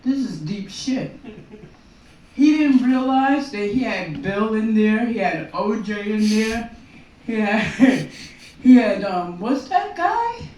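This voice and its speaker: Lady rambling at an open mic, slow talker, keeps asking the crowd "right?", super echoey room, mic far away. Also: fairly high pitch, animated, darkish tone, slight background noise. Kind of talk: stand-up monologue.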